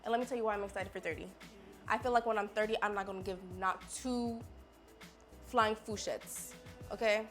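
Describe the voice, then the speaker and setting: Casting: woman, mid-twenties, chatty and sassy beauty vlogger, medium pitch, soft music underneath. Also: fairly even intonation, brisk. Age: 20s. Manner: chatty, sassy, talks straight to viewers. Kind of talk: casual makeup haul chat.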